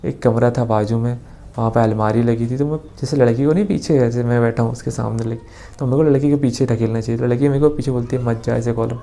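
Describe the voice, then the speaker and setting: A man's voice: mid-range voice, steady tone, fast talker, creaky, mellow. A young man casually telling a personal story, rambling with restarts and quoting dialogue. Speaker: vlogger.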